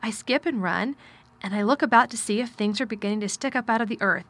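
Woman as an anxious, bright-voiced little girl. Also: fairly high pitch. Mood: earnest. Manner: timid, halting, tremulous. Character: plain, thin little girl, stiff, anxious, timidly eager.

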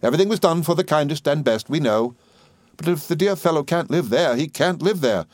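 A man's voice: animated, fairly quick, darkish tone, dry recording, close to an everyday voice. A man voicing a fussy, overbearing old widow who gushes and talks with heavy emphasis. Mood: insistent. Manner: shrill, emphatic, gushing. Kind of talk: audiobook character reading.

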